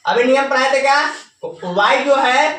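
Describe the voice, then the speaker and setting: A male teacher giving a classroom grammar lesson, drilling his students with quick call-and-response questions. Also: extremely high pitch, bright, forceful tone. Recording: echoey classroom from far off.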